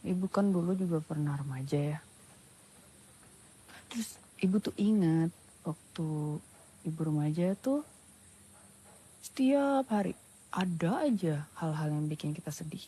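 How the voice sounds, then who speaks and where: A woman playing a gentle, concerned mother with a husky voice in a naturalistic screen drama. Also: deep voice, expressive, unhurried, pauses often, a little hiss or hum, rough recording. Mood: earnest, advising. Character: gentle, concerned mother advising her teenage son.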